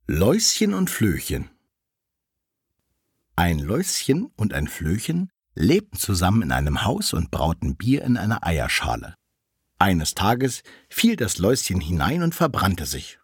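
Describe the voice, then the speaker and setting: A narrator reading a fairy tale aloud in a lively, animated way. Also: low-pitched, measured pace, husky, dry recording, clean studio sound.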